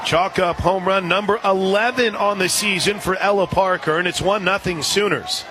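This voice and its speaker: Live radio play-by-play of a softball game comes from a man calling the action at an outdoor ballpark broadcast position. His voice sits high and moves at a moderate pace, surrounded by a noisy crowd and ballpark ambience.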